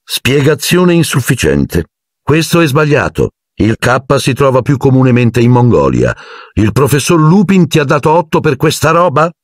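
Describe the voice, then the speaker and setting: A man's voice: medium pitch, normal speed, no room sound, clean studio sound, pitched above the performer's own voice. Piton, a man reading an icy teacher. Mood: icy contempt. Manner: icy, menacing, silky calm. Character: cold sneering male potions teacher.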